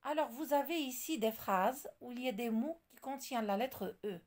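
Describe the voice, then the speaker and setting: A woman teaching a French lesson, explaining slowly and deliberately and spelling out word examples one by one. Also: fairly high pitch, darkish tone.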